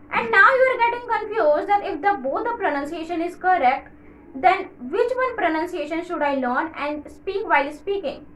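A woman with a very high voice teaches English pronunciation in a casual video lesson. She explains at length, repeats her points, and pauses often with "uh". Her voice rings in a roomy, echoing space. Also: slight background noise. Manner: explains at length, repeats phrases, frequent "uh" fillers.

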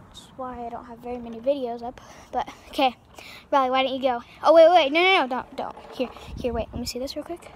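Rambling high-voiced young female vlogger. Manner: rambling, many fillers and restarts. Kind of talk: casual vlog chat. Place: outdoors on a street.

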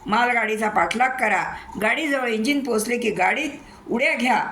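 A woman's voice: on the high side, moderate pace, a bit bright, slight background noise, voice pushed up. A woman reading a story, voicing a stern male railway boss who scolds and gives orders. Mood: commanding. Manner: commanding, scolding.

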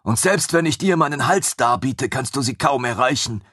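A man reading an audiobook, voicing a huge, ancient, chained female creature who is weary and proud, in a high, urgent, drawn-out voice. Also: lively intonation, a bit bright, husky, no room sound, studio quality.

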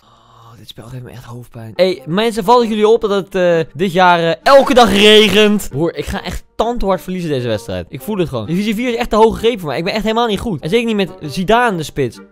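A young man from the Netherlands doing jokey gameplay commentary, excitable and yelling at the game between asides to viewers. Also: sits high, fast talker, hardly any pauses. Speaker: gaming YouTuber. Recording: faint background music.

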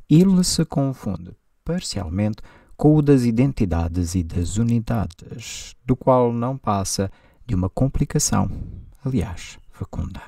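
A man leading a reading group, reading a text aloud and commenting on it, with quick delighted asides. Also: mid-range voice, gravelly, mellow, dry recording, studio quality. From Brazil. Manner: reads steadily, breaking into quick delighted asides.

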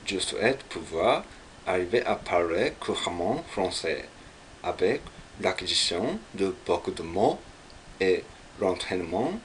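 A Japanese man with a Japanese accent is learning French, carefully practicing its pronunciation syllable by syllable and repeating it in Japanese in a monologue. His deep voice swings widely in pitch, with a slow pace and a fairly bright tone. A little hiss or hum sits under the recording.

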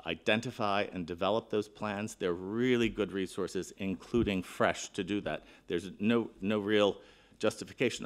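A middle-aged man giving a keynote talk at a conference, seated at a panel table and speaking into a table microphone in an earnest, emphatic way, often restarting his phrases. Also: fairly low pitch.

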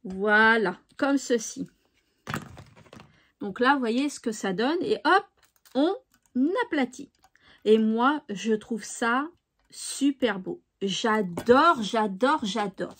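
A woman's voice: on the high side, expressive, slow pace, fairly bright tone, slight background noise. A woman hosting a craft tutorial, chatting casually and thinking aloud with fillers. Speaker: craft channel host.

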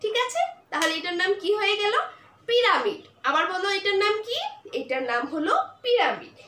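A woman's voice: extremely high pitch, big pitch swings, normal speed, pushed and bright. A woman teaching an online class for young children, patiently asking questions and answering them herself. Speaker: primary school teacher. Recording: echoey room with faint noise.

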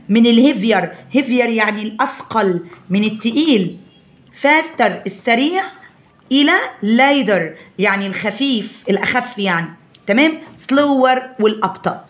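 Fast-talking Egyptian woman teaching science. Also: mid-range voice. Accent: Egyptian Arabic. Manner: mixes English science terms into explanations and checks understanding often. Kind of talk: online science lesson for children.

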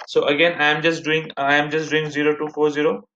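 Here a thirty-something Indian-accented man gives a relaxed, repetitive screen-share walkthrough, addressing his audience as "guys" while explaining each step. He speaks a little fast in a slightly high, level, sharp tone, captured in a muffled, echoey room.

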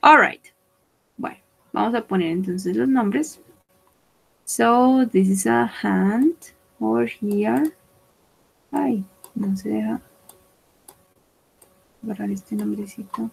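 Slow, careful woman teaching English. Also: medium pitch, creaky, breathy edge, low-quality recording. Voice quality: slow, careful explaining with repetition. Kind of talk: bilingual online English lesson.

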